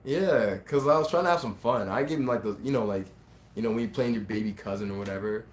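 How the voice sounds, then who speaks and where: Male co-host, lowish voice, teasing and slangy, casual stories, roomy echo. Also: fast talker. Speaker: podcast co-host. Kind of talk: casual banter and storytelling. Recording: echoey room, faint noise.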